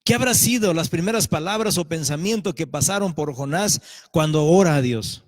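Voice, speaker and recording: A male pastor preaching a sermon, animated, acting out voices and questioning the congregation. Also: on the high side, moderate pace. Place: church sanctuary. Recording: church hall reverb.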